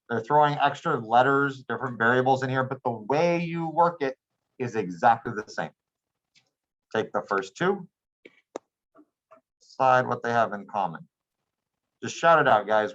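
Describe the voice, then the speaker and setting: A man's voice: medium pitch, a bit bright, lo-fi sound. A man teaching a math class, explaining steps patiently and often asking if students follow. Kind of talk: classroom lecture.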